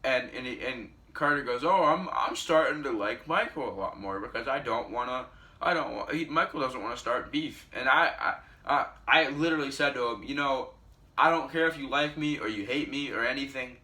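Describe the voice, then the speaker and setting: A man's voice: medium pitch, normal speed, bright, forceful tone. A teenage boy telling a storytime vlog, rambling with many restarts and self-corrections. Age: teens. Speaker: vlogger.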